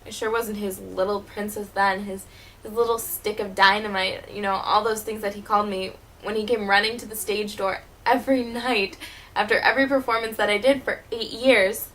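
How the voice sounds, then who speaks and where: A woman playing a wounded, wry teenage girl who was once a child stage performer, delivering a dramatic monologue in a bitter, halting way. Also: medium pitch, steady tone, a bit bright, close to an everyday voice, poor audio. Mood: hurt, bitter. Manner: bitter, hurt, halting with repeated words.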